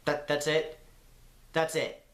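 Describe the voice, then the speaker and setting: A man reviewing a video game in a casual, excitable and sarcastic way, swearing freely, his voice doubled into a robotic, phasey sound. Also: fairly high pitch, takes it slowly. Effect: doubled, phasey robotic-sounding audio from an editing mistake. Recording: echoey, distant, doubled audio with faint music.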